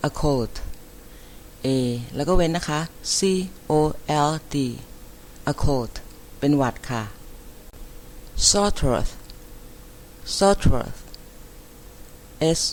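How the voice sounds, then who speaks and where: A woman teaching an English vocabulary lesson, repeating each word and spelling it out letter by letter with careful, deliberate enunciation. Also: low-pitched, expressive, slight background noise. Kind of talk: slow vocabulary lesson, spelling words aloud.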